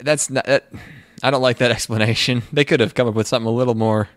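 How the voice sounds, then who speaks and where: A man's voice: mid-range voice, fairly even intonation, quick pace. A man co-hosting a podcast in casual chat, laid-back, laughing often and swearing. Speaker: podcast co-host.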